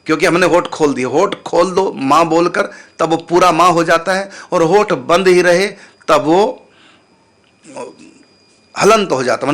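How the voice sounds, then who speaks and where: A man giving a spiritual teaching talk, patiently explaining how sacred syllables are pronounced and repeating sounds slowly for his listeners. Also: on the high side, a bit bright.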